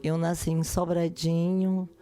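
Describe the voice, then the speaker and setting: A woman pastor from Brasília, telling her life testimony slowly and earnestly in a podcast interview. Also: fairly low pitch, little pitch movement, mellow. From Brasília, Brazil. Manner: slow, earnest, devout phrasing.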